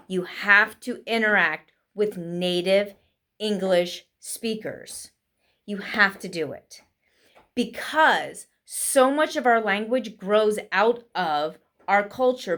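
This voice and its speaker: Quick, chatty woman. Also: medium pitch, a bit bright. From United States. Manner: quick, chatty, with frequent fillers. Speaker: vlogger teaching English learners. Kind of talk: casual spoken lesson.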